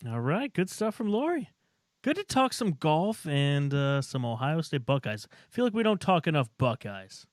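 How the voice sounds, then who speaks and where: A man's voice: on the high side, very animated, normal speed, dry recording, clean studio sound. Upbeat man co-hosting sports radio. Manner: upbeat, hypes the guest. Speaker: radio show co-host. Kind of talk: casual sports radio chat.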